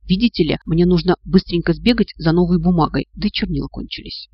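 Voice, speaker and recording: A man's voice: high-pitched, brisk, breathy edge, dull audio. A man voicing an awkward, fawning male sorcerer who apologizes politely while planning a sacrifice, in a storybook reading. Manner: ingratiating, sighing, apologetic.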